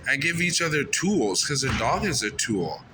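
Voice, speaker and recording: A man with a mid-range, sing-song voice speaks at normal speed while doing informal street interviews and commentary. He's earnest, plain-spoken and repetitive, and traffic noise fills the outdoor recording.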